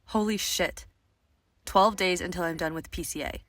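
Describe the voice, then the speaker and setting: Low-voiced woman reading candid diary entries. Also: normal speed. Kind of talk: reading personal journal entries aloud.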